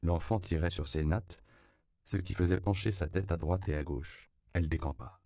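A man reading a novel aloud as an audiobook narrator, measured and even, on a close studio mic. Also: sits low, vocal fry, no echo. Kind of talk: scripted narration.

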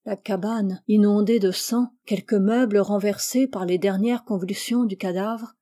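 Woman reading a novel in a dark voice. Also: mid-range voice. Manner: measured, expressive narration. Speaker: reader.

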